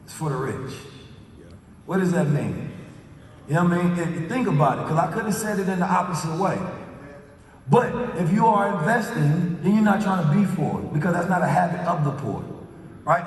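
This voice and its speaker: High-voiced man preaching in an echoey hall. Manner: preachy, repeats "right?" as a tag. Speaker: host. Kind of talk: motivational talk to a live audience. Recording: echoey hall, speaker far from mic.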